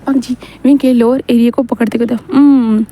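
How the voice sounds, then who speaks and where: A woman's voice: fairly high pitch, little pitch movement, quick pace, warm tone. A woman narrating a fan story in a casual, rambling way, with many fillers and English words mixed in.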